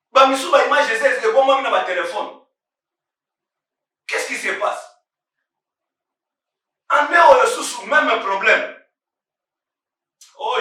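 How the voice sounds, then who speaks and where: Man, pastor, fervent sermon, emphatic and repetitive, high voice, distant mic, booming echo. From Congo. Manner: emphatic and repetitive, rising into shouts. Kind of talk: impassioned sermon on current events. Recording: very echoey room, voice far from mic.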